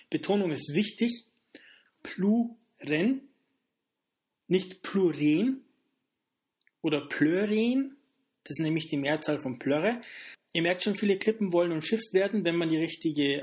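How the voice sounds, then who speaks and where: A man hosting a comic mock grammar lesson, joking in a playful, deadpan way. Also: fairly high pitch. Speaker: comedic host.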